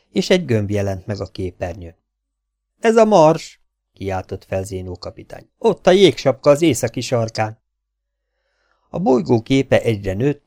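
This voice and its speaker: Mellow low-voiced male audiobook narrator. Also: no echo, studio quality. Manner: reads dialogue with lifted pitch, drops for narration tags. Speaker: audiobook reader. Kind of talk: scripted narration.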